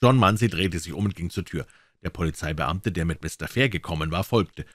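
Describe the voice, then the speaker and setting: A man reading a classic crime story aloud in an even, measured storytelling manner. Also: sits low, no room sound, studio quality. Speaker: audiobook reader. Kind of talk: scripted narration.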